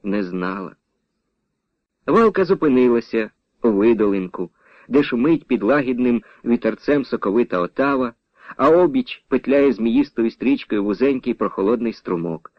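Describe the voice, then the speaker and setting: A man narrating a literary story in a measured, expressive reading. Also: medium pitch, dry recording. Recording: dull, dry old radio recording.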